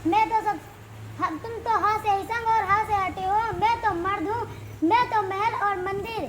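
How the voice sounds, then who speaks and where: A woman's voice: very high voice, steady tone, moderate pace, fairly bright tone, reverberant, a little hiss or hum. A woman playing a proud male letter of the alphabet who taunts his rival in a school stage play. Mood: taunting. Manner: taunting, boastful.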